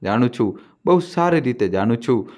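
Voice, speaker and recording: A man voicing a sorrowful, secretive old man who speaks slowly and gravely in a hushed voice. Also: medium pitch, animated, close to an everyday voice.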